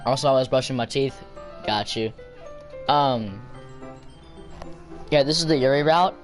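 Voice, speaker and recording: A young man streaming a visual novel, joking loudly and talking to his chat, with game music behind. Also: medium pitch, measured pace. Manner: loud, joking, talks to chat. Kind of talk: casual game stream commentary. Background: background game music.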